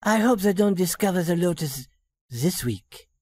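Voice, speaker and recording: A woman voicing a young working woman who poses as a rich lady in a storybook reading, speaking softly and politely. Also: on the low side, animated, normal speed. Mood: refined. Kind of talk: storybook reading for English learners.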